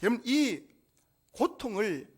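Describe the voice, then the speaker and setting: Animated, high-voiced Korean pastor preaching. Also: male voice, takes it slowly, slightly rough. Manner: emphatic preaching with rhetorical questions to the congregation. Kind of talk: sermon.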